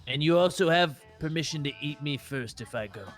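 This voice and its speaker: A man's voice: a little high, lively intonation, brisk, fairly bright tone, soft background music. A man playing a deputy in a game roleplay, joking in a mock-grand, bossy way.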